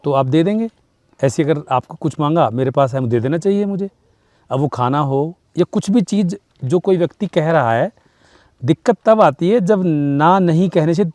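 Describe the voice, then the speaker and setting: A man's voice: a little high, darkish tone, no echo, studio quality. A man giving advice in a talk show, emphatic, acting out little dialogues and mixing in English phrases. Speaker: guest speaker.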